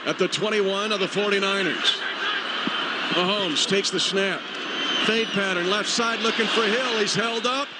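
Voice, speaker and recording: A play-by-play radio announcer with a high voice calls a football game live, speaking over the loud ambience of the stadium.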